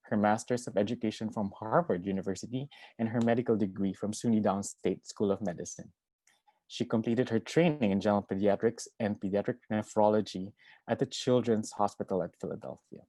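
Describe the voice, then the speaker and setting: Man moderating over a video call, low and dark. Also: no room sound. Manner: reads out speaker bios in a steady, measured way. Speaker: webinar moderator and family physician. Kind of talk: formal webinar introduction.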